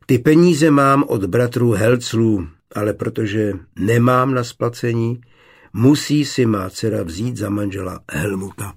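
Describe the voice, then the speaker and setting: A man voicing a bitter, proud middle-aged glassworks master deep in debt, in an audiobook. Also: slightly rough.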